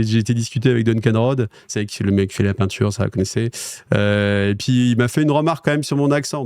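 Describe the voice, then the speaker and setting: A man's voice: mid-range voice, darkish tone, smooth, dry recording, clean studio sound. A French man hosting a wargaming news show, chatting casually with viewers in a rambling way, with lots of fillers and restarts. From France.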